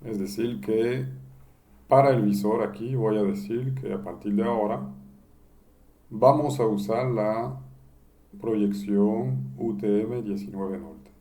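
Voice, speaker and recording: A man teaches a screen-recorded software lesson. His voice sits fairly low and sounds soft and mellow. He explains each step and often asks a question before answering it himself. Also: takes it slowly, a little hiss or hum. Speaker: instructor.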